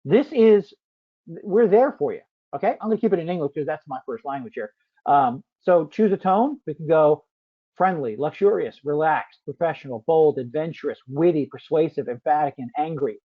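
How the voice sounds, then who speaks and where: Muffled lo-fi audio captures a US software demo presenter with a fairly high, expressive, slightly rough voice moving at normal speed. He leads a live webinar product demo conversationally, frequently ending points with "right?" and addressing viewers by name.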